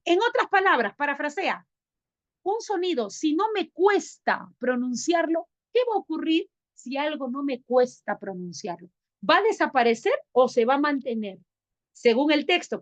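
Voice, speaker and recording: A woman leads an online class, coaxing and affectionate as she keeps asking whether everyone has understood. Her voice sits fairly high. The recording sounds dull and lo-fi. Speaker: teacher.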